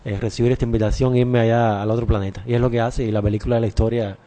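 A man with a Cuban accent joins a radio show as a guest. He is a film director and explains his work in a relaxed, unhurried way. His voice sits at an ordinary, mid-range male pitch. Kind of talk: interview answers.

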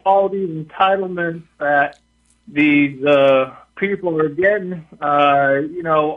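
An older male caller speaks over the phone on a call-in radio show. His voice sits a little high and comes through a narrow, tinny line that sounds set back from the mic. He talks haltingly, leaning on fillers as he searches for words. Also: distant mic. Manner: hesitant, halting with many fillers.

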